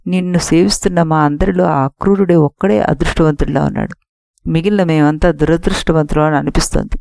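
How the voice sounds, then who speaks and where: A woman voicing an angry elder nobleman who scolds a tyrant king in a forceful manner, in an audiobook story. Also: deep voice, steady tone, fairly quick, vocal fry, no echo, clean studio sound. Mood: lamenting.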